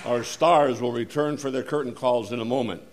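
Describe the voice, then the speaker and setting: Male actor as a 1940s radio show announcer: formal sponsor pitch, middle pitch, with hiss and an audience around him. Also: brisk, a crowd in the background, lightly acted. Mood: upbeat.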